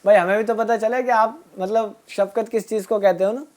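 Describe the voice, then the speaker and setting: A woman teaching a group of children, asking them questions and repeating their answers, and drawing out key words slowly. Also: mid-range voice, steady tone, a little mellow. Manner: asks a question, then repeats the answer back. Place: room with children and a passed microphone.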